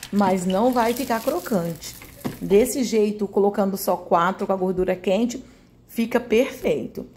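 Over slight background noise, a Brazilian home cooking host gives a chatty recipe voice-over in a slightly high, darkish voice. She often adds little tag questions seeking agreement.

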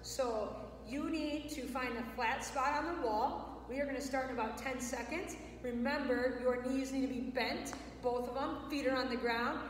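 High-voiced woman coaching in an echoey gym. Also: fairly even intonation, moderate pace, few pauses, slight background noise. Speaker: gym teacher. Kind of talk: exercise instruction to children. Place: large indoor school gymnasium. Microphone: camera several metres away. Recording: very echoey gym, distant mic, music.

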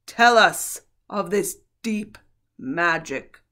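A woman voicing a great lion king who speaks gravely, slowly and with calm command. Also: lowish voice, full character voice.

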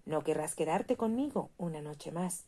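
Storybook prince, sad and kind, read by a woman, low mellow voice, soft pleading lines. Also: lively intonation, moderate pace. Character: gentle, sorrowful statue prince, male.

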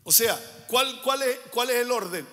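A male pastor preaches a sermon, repeating key phrases and asking the congregation rhetorical questions. His high voice is bright, forceful, and expressive at a measured pace, trailed by the long reverb of a church hall.

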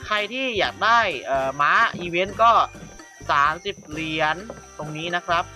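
A man with a high, bright voice talks casually and loosely through a game, pointing out items and prices. He trails off and corrects himself often. Faint music plays behind him. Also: lively intonation, moderate pace. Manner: rambling, loose, with fillers and self-corrections. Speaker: gaming YouTuber. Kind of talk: casual game walkthrough commentary.

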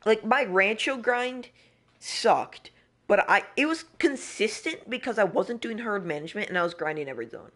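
A man's voice: sits high, lively intonation, moderate pace, a bit bright. A young man streaming a hunting game, chatting casually and rambling with restarts and frustration. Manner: rambling, self-interrupting, frustrated. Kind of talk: casual live-stream chat.

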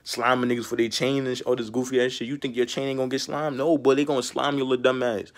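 A young man with a middle-pitched voice speaks to camera in a loose, rambling way. He drops slang and filler phrases constantly and preaches life lessons in a streetwise tone. His delivery feels unscripted. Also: flat delivery, fast. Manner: slangy and rambling, peppered with "bro" and "you know what I'm saying". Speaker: vlogger. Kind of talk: casual monologue to camera.

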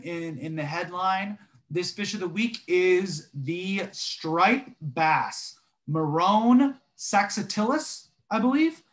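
A young man talks on a video call in a slightly raised voice. He rambles through his stories at an easy pace, sprinkling in ums and restarts. He sounds like a casual co-host. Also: sits high. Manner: relaxed storytelling with frequent fillers. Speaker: podcast co-host. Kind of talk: casual chat.

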